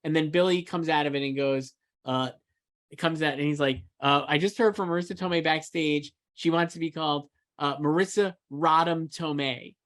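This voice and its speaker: In a casual chat about movies, a male co-host who edits film awards coverage talks emphatically and loosely, with plenty of repeated filler words. His voice sits on the high side, slightly bright, at an ordinary speed.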